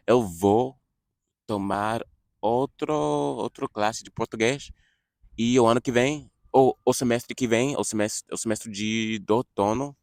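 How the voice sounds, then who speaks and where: Slow, halting young man, deep voice. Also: no room sound, studio quality. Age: young adult. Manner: halting, many restarts and self-corrections. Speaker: vlogger, language learner. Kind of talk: casual spoken update in a learned language.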